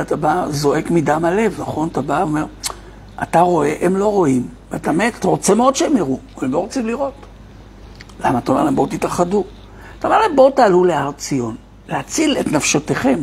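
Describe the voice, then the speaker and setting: A man, a rabbi, giving an impassioned online sermon to his viewers, firing rhetorical questions and swinging from loud cries to a near hush. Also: sits high, slight background noise. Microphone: streaming to online viewers.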